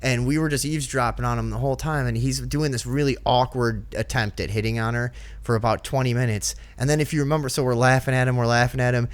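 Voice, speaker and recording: On a dry recording with a clean tone, a podcast co-host speaks quickly in a mid-range voice. Chatting casually, he retells a story full of profanity and brings its characters to life by voicing their lines.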